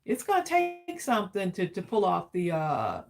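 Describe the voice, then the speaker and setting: A woman's voice: lowish voice, huge pitch swings, normal speed, gravelly. A woman hosting a live crafting stream, chatting and encouraging viewers while she demonstrates stamping. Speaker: craft livestream host. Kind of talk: live crafting demo chat.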